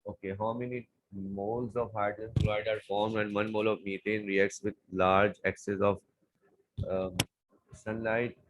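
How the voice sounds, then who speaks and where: A man's voice: fairly low pitch, level tone, normal speed, slight background noise, low-quality recording. A man tutoring chemistry, walking through exam questions step by step and repeating key words. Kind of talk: exam paper walkthrough lesson.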